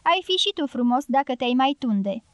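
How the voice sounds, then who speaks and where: A woman narrator voicing a young woman who answers in a playful, quick-tongued way. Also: sits high, lively intonation, no echo. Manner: playful, retorting.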